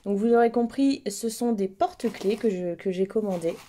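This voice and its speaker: A woman's voice: mid-range voice, moderate pace, mellow, slight background noise. A woman chatting casually through an unboxing in an effusive, admiring way, her mouth numb from the dentist so that speech is slightly impeded. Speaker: host of unboxing videos.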